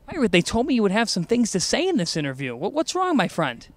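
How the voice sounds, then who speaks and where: A man's voice: sits high, wildly swooping pitch, fast, a little hiss or hum. A young man hosting a playful campus report, enthusiastic and jokey.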